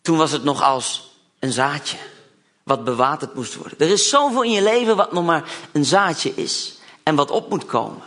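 A man's voice: fairly high pitch, animated, moderate pace, fairly bright tone. A man preaching a sermon, telling a Bible story with chatty asides and acting out the disciples' lines.

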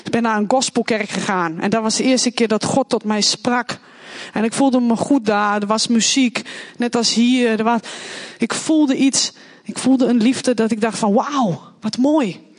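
A woman's voice: on the high side, fairly even intonation, normal speed. A woman giving an earnest personal testimony in a church, telling her story in plain, heartfelt words. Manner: earnest, acts out quoted voices.

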